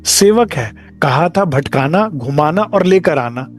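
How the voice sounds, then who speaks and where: A man's voice: on the high side, lively intonation, slow, soft background music. A man giving a devotional discourse as a spiritual teacher, talking conversationally and acting out short dialogues.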